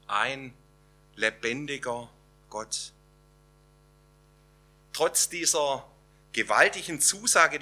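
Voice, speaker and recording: A man preaching a sermon, slow and emphatic, with dramatic pauses between phrases. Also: a little high, pushed and bright.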